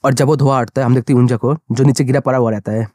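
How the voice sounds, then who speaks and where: A man narrating a manga story recap in a brisk, conversational way. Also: mid-range voice, fairly even intonation, dark tone, no room sound, studio quality.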